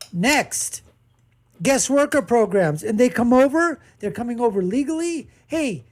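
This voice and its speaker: A panelist in a live debate arguing forcefully, asking rhetorical questions and acting out examples. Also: mid-range voice.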